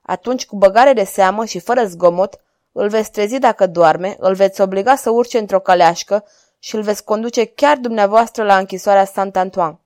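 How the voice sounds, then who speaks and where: A woman voicing a cold, cruel male king who gives orders in a commanding, measured way. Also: medium pitch, a little mellow, dry recording, clean studio sound, close to an everyday voice.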